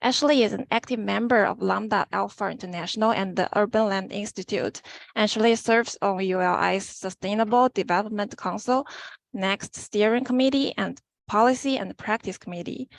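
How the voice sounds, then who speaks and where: A woman's voice: medium pitch, moderate pace, creaky, no room sound. A woman moderating a webinar, reading a formal introduction of the guest speaker from notes over a video call.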